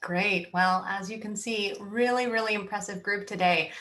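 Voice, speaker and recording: Moderator: woman with mid-pitched voice, upbeat, leads the panel. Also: steady tone, moderate pace, fairly bright tone. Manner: upbeat, introduces speakers. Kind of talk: online panel discussion.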